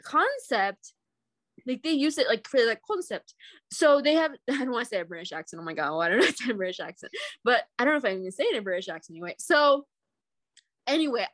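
A young woman co-hosting a podcast, chatting casually in an animated, giggly way with lots of fillers. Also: fairly high pitch, fast talker, dry recording. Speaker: podcast co-host. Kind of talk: casual chat.

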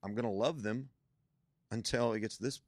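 Emphatic preacher man, lowish dry voice. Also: normal speed, no echo. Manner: preacherly, emphatic, building to punchlines. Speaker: podcast guest, preacher. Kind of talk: podcast conversation about church.

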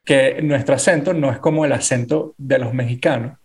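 A man with a Venezuelan Spanish accent, co-hosting a podcast in relaxed, casual chat. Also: mid-range voice, moderate pace. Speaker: podcast co-host.

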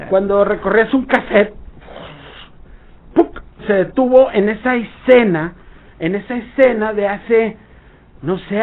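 A Mexican man telling a rambling anecdote on a radio show, acting out bits of dialogue. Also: high voice. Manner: rambling storytelling with acted-out dialogue. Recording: tinny phone-like sound.

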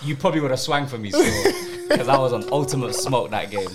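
A man's voice: medium pitch, big pitch swings, brisk, a crowd in the background. London roadman, casual podcast banter. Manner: roadman-style slang talk. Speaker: football podcast co-host.

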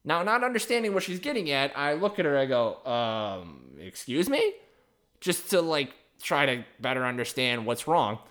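Young guy podcaster telling a story, rambly and cussing, voice a bit high. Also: animated, fairly quick, few pauses, fairly bright tone. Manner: rambling, profane, wry. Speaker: podcast host. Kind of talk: casual storytelling.

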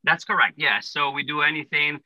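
An Italian plumbing business owner with an Italian accent answers interview questions casually, explaining things step by step with lots of "uh" and "you know." His fairly high voice is brisk and sharp with fairly even intonation, in a dry, rough recording.

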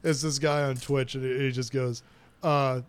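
A man's voice: medium pitch, level tone, normal speed, clean tone. Offhand joking podcast man. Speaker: podcast co-host. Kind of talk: casual podcast banter.

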